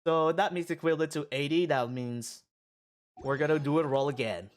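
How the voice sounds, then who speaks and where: A man streaming his game rolls in casual commentary, halting and rambling between excited bursts, with a morning voice. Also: on the high side. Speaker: gaming streamer. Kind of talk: casual gacha-roll commentary.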